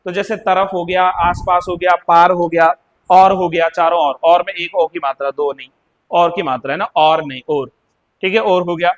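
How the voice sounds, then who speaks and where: A man's voice: high voice, steady tone, moderate pace, highs cut off. A man with an Uttarakhand Hindi accent teaching a live exam-prep class, explaining by repeating words and asking his students questions.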